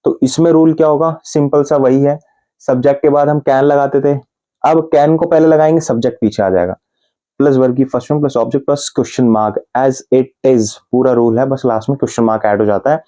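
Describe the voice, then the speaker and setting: An English teacher with an Indian accent gives a Hindi-language English grammar lesson, patiently spelling out example sentences slowly, one word at a time, and repeating them. His voice is warm and mellow at a middle pitch.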